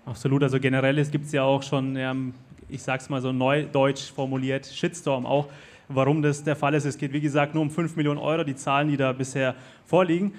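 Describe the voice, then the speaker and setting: A man's voice: mid-range voice, level tone, brisk. A man, hosting a casual live interview and addressing the audience. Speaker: host.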